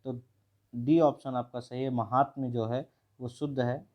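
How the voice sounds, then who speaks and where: Male teacher, mid-pitched, brisk revision-class delivery, repeats each word and checks with the viewer. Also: little pitch movement, dull audio. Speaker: Hindi teacher. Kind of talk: exam revision lesson.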